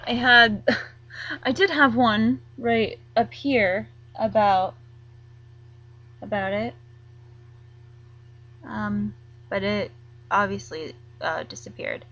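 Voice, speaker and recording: A young woman chatting casually to camera as a vlogger, rambling and halting, full of likes and ums. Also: medium pitch, fairly bright tone, low-quality recording.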